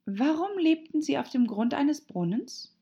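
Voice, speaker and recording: A woman's voice: high voice, big pitch swings, a little slow, warm tone, muffled recording, voice pushed up, heavily acted. A woman voicing a curious, polite young girl with an earnest, questioning way of speaking. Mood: irritated. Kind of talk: audiobook character voice.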